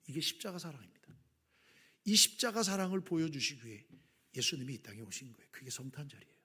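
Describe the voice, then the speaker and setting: A man preaching a sermon as pastor, impassioned, dropping to hushed whispers and rising to near-shouts. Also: medium pitch, big pitch swings, fast talker, breathy edge. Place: church sanctuary.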